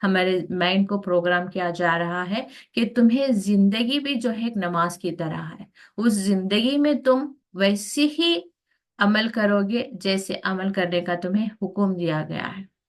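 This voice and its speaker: A woman's voice: medium pitch, unhurried. A woman teaching a Quran lesson, explaining step by step and slipping English words into her speech. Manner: explains step by step with many fillers.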